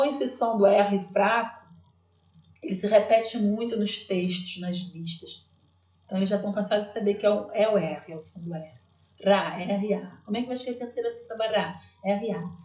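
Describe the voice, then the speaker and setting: A woman's voice: mid-range voice, a little mellow, reverberant, lo-fi sound. A woman teacher with a Brazilian Portuguese accent, explaining her classroom literacy work in a chatty way, full of fillers and restarts. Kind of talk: explaining classroom practice to viewers.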